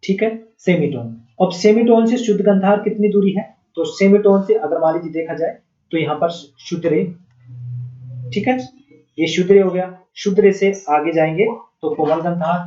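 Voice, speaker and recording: A man's voice: sits high, normal speed, dark tone. A man teaching music theory, who asks the class questions and answers them himself. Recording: dull, echoey room sound.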